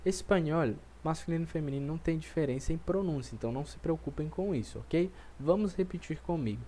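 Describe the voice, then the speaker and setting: A man teaching an online French lesson, lively and drilling words slowly for his students to repeat. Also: fairly high pitch, a little hiss or hum.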